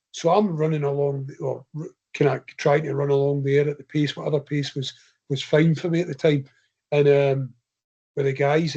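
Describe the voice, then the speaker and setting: A man's voice: on the high side, a little mellow, muffled recording. A man with a Scottish accent, a podcast guest, telling long rambling anecdotes in a casual interview. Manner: long rambling anecdotes told in his own voice. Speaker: guest ultra runner.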